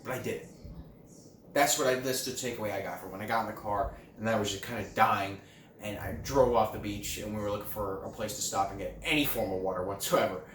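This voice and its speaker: A man's voice: lowish voice, a bit bright. A young man vlogging, telling a story casually with lots of swearing and self-mockery. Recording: roomy, distant mic with faint background noise.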